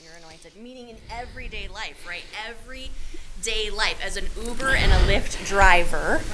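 A woman's voice: mid-range voice, rough recording. A woman, the preacher's wife, chatting and chiming in during a church service, laughing between her words. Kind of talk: casual chat during a sermon.

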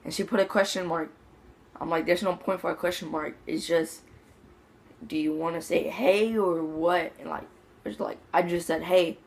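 Creaky-voiced teen boy telling a story. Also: a little high, fairly even intonation, normal speed. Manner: slangy, rambling storytelling with frequent "like". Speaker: vlogger. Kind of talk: casual story time vlog. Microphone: phone mic.

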